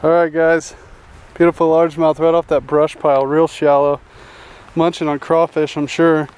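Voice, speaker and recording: His voice sits on the high side and sounds clean, at normal speed, as the young fishing channel host chats excitedly through a casual vlog at a rural pond. He keeps saying "dude" and "guys", recorded by a head-mounted action camera.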